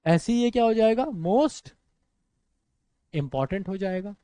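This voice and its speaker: A man's voice: high-pitched, measured pace, smooth, dry recording. A young man with an Indian English accent teaching an exam-prep grammar lesson, calling his students friends and brother and mixing English words into his explanations. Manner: animated, addresses students as friends and brother, mixes English into speech.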